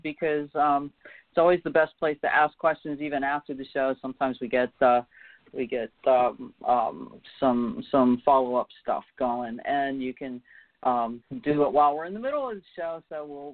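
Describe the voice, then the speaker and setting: A man hosting a call-in radio show in a chatty, upbeat way, pausing with ums and restarting phrases. His voice sits a bit high for a man. It comes through a tinny, dry phone line. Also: dry recording. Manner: chatty, filler-heavy, upbeat.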